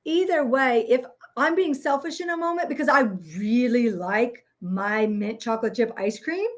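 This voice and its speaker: A woman's voice: fairly high pitch, moderate pace. A woman therapist and parent explaining in a loose, searching way, full of "um" and "right?" as she talks it through. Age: adult parent. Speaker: guest therapist. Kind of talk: casual explanatory chat.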